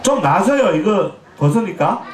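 A man's voice: sits high, sing-song, measured pace. A man in his forties from Jeolla, a pumba street performer joking and teasing the crowd on an outdoor festival stage, his throat a bit scratchy. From Jeolla, Korea. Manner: joking, teasing, chatty with the audience. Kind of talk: comic stage banter with the crowd. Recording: echoey festival PA sound.

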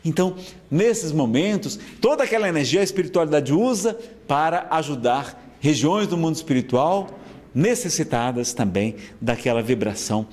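Brazilian male speaker, slightly high pitch, earnest and persuasive lecture delivery. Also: lively intonation, normal speed, darkish tone. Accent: Brazilian Portuguese. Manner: earnest, persuasive, checks in with listeners often. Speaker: spiritist speaker. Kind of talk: lecture announcement.

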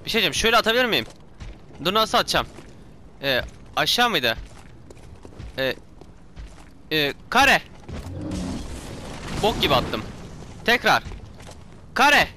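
A man commenting on his own gameplay, talking to himself, yelling and swearing when startled, his throat sore from shouting. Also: sits high, sing-song, a little slow, long pauses, noisy background. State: hoarse from shouting. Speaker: gameplay streamer.

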